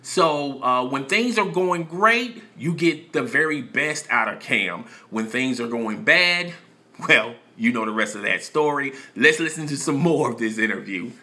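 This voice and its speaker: A man's voice: mid-range voice, lively intonation, unhurried, sharp tone. A man giving opinionated, lecturing commentary in a casual voice-over.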